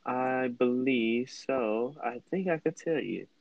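A young man with a mid-pitched voice who chimes in with easy agreement as he co-hosts a casual late-night chat. He sounds tired. The recording is dry and close, with a dull, lo-fi tone. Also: takes it slowly, vocal fry, dry recording. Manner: easygoing, agreeable, chimes in often. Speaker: co-host.

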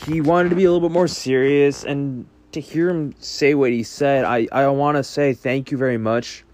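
A man hosting his own podcast, speaking earnestly in a halting way with frequent restarts. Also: medium pitch, steady tone, a little mellow, no room sound. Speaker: podcast host. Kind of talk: solo podcast monologue.

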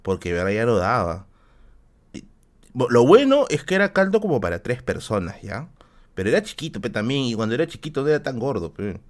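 A man tells a story in a casual, animated way, with plenty of crude slang and quick tag questions. His pitch swings widely as he acts out each quote. His voice sits at an ordinary middle pitch. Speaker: streamer telling a childhood story. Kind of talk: casual storytelling to a live chat.

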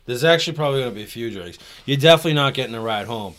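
A man's voice: mid-range voice, expressive, rapid-fire, a bit bright. A man from Massachusetts hosting a casual chat at home while mixing drinks, laid-back and joking, with frequent cursing.

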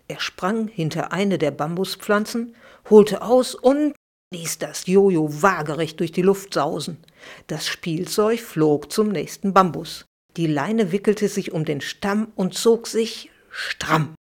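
Woman reading a lively bedtime story. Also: fairly low pitch, slow pace. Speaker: children's author reading her book.

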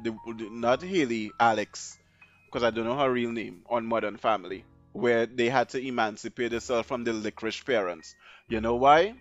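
A man delivers a blunt, opinionated solo podcast rant that wanders from point to point. His voice sits at an ordinary middle pitch. The audio is dull and lo-fi, with faint music underneath. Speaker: podcast host.

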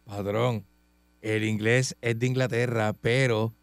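A man's voice: mid-range voice, fairly even intonation, slow pace, creaky, no room sound. A man as the sidekick on a talk radio show, deferential and easygoing as he argues with his boss. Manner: deferential, says "patrón", laughs a lot. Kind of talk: comedic talk radio banter.

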